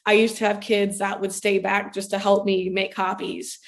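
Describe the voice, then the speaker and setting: A woman's voice: mid-range voice, flat delivery, normal speed, gravelly. A young adult woman from Ohio, a former elementary school teacher, speaking earnestly and reflectively as an interview guest. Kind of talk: conversational interview.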